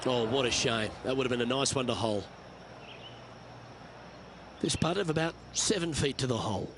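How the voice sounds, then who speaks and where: A man working as a golf commentator, calling shots in measured, understated sportscaster remarks for a video game. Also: medium pitch, background noise, lightly acted. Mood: measured, encouraging. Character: polished male golf commentator calling each shot. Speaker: golf commentator, lead announcer.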